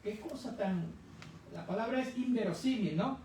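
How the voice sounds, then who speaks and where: Speaking at a normal pace with lively intonation, this high-pitched man teaches a conversational Bible lesson at church, explaining things didactically and asking his audience rhetorical questions. It's captured from a distant mic in a very echoey room with faint noise.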